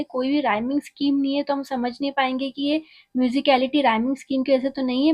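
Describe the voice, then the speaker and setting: Woman teacher slowly explaining a poem. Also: sits high, darkish tone. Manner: reads English verse very slowly, explains in casual Hindi with English terms. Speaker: literature teacher.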